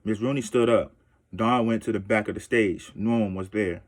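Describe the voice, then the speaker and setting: A man reading a children's chapter book aloud as a teacher, steady, with small self-corrections. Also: lowish voice, normal speed.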